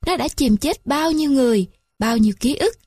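A woman's voice: high-pitched, animated, fairly quick, a little mellow. A woman playing a bitter, rootless old man who rambles in a self-pitying lament. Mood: wistful.

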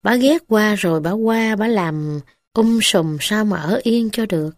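A timid middle-aged village official, played by a woman reader speaks slowly and apologetically with a Southern Vietnamese accent. The sound is dry and close. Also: medium pitch, no room sound, lightly acted. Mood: apologetic. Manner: pleading, slow, apologetic.

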